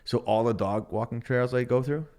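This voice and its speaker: A man co-hosting a podcast, telling stories in a relaxed, casual way, often restarting his sentences. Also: mid-range voice, normal speed. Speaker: podcast co-host. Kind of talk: casual chat.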